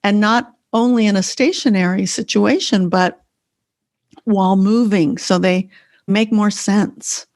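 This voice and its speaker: A woman's voice: medium pitch, measured pace, darkish tone, no room sound, studio quality. A woman co-hosting a podcast as a Feldenkrais teacher, explaining in an earnest, conversational way. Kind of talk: casual conversation.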